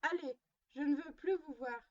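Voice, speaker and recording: A woman's voice: high-pitched, moderate pace, darkish tone, dull audio, close to an everyday voice. Woman playing prim little girl scolding. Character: little girl sternly playing mother to her doll. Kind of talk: storybook reading.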